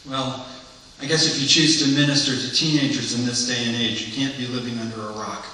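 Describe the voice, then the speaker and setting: A man's voice: mid-range voice, fairly even intonation, brisk, bright, forceful tone, slight background noise, lightly acted. A man reading the part of an earnest blind man confiding his past to a priest, in a candid, reflective monologue, heard in an echoey hall from far off.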